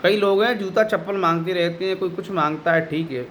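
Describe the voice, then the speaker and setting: A man's voice: high voice, brisk, fairly bright tone, slight background noise. A male spiritual teacher giving a devotional talk, scolding and admonishing his listeners. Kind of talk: devotional discourse.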